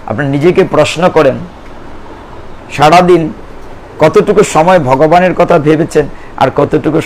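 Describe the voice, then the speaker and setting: Male preacher, a touch high-pitched, earnest sermon style, faint background hiss. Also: darkish tone, low-quality recording. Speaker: Gita preacher. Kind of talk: devotional sermon with chanting.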